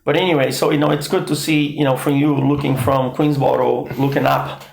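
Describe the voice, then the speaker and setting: A man's voice: mid-range voice, little pitch movement, a little fast, creaky, a little mellow. A man in his fifties hosting a podcast interview in a casual, rambling way, with trailing questions and many fillers. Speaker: podcast host. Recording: echoey room with faint noise.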